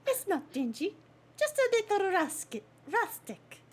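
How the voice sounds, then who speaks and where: A woman's voice: extremely high pitch, sing-song, a little slow, a little hiss or hum, voice pushed up, full character voice. A woman voicing a polite, chatty young lady bird in a video game, genteel and candid. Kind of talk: video game character voice read aloud.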